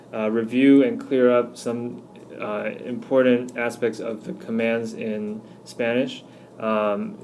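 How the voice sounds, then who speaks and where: A man teaching a recorded grammar lesson, walking through slide examples patiently and slowing down to spell out each one. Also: mid-range voice, a little mellow, a little hiss or hum. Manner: patient, explanatory, slows down on examples. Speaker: Spanish teacher.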